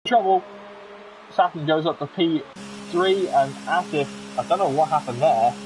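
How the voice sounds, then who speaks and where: Excitable commentator calling a sim race over loud car engine noise. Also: male voice, a little high, moderate pace. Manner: excitable, chatty with jokey asides. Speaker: sim racing league commentator. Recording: game engine noise under the voice. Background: racing car engine sounds from the game.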